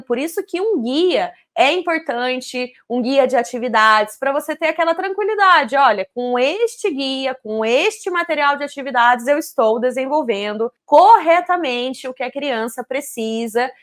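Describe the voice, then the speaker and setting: A woman, a literacy educator explaining syllable activities to teachers in a clear, didactic manner, asking rhetorical questions. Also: sits high, animated. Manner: clear, didactic, speaks syllables slowly to demonstrate; addresses teachers directly, asks rhetorical questions. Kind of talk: teaching video with product promotion.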